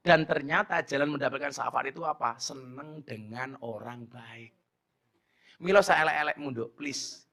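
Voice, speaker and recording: A middle-aged man with a Javanese accent preaching a lively sermon, joking and teasing, swinging from soft talk to shouts. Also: mid-range voice, normal speed, creaky. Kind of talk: lively sermon with audience banter.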